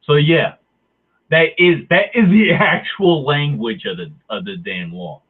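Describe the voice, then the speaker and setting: A man rants with heat, sarcasm and plenty of swearing, his voice sitting fairly high for a man. The sound is thin and tinny, as if it came through a phone line. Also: measured pace, breathy edge. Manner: heated, profane, sarcastic. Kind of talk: angry ranting monologue.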